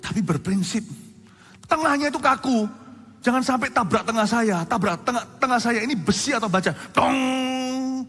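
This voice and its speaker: A man delivers a sermon as a pastor, his high voice swinging up and down as he acts out other people. He sounds like he is in a big church with a long echo. Soft music plays underneath him. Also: animated, fairly quick, breathy edge. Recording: reverberant hall with faint music.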